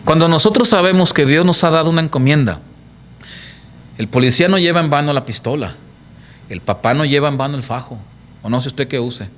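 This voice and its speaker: A middle-aged man preaches in a church, his voice sitting a little high for a man. He presses his points with rhetorical questions thrown at the congregation and slips into lively storytelling. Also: brisk. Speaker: pastor. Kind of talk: sermon.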